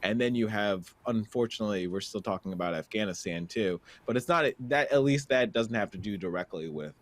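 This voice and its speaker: A man co-hosting a podcast, reading a news item aloud and giving measured opinions in casual political talk. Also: lowish voice. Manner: reads news aloud then comments, measured. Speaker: podcast co-host.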